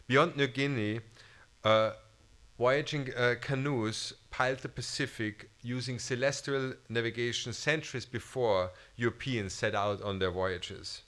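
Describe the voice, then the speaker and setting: Standing on an auditorium stage under bright lights, a middle-aged Austrian German-accented man, a museum director, delivers a formal welcome speech into a lectern microphone. He hesitates and restarts often, speaking a little slowly in a medium-pitched, fairly bright voice with fairly even intonation.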